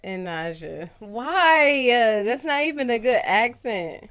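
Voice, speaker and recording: A woman co-hosting a casual chat podcast, candid and rambling, thinking out loud and saying "like" a lot. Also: on the high side, expressive, slow, smooth. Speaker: podcast co-host.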